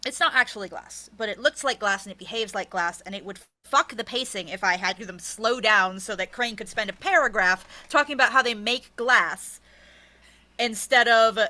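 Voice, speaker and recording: A woman author talking in a relaxed interview, her voice pitched a little high and ringing bright. She explains her choices eagerly and candidly, with plenty of energy. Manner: enthusiastic, candid, quick explanations. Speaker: novelist, interview guest. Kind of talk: casual conversational interview.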